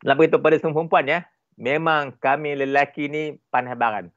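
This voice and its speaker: A Malaysian man with a slightly high voice speaks as an interview guest, explaining his points with animated emphasis and lots of repetition. The sound is dry and a little dull. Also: brisk, no echo. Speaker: relationship expert guest.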